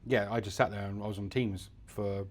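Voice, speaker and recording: A man co-hosting a casual podcast at home, telling stories in an animated, joking way. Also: fairly low pitch, fairly quick. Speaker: podcast co-host. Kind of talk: casual chat. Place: home in the UAE.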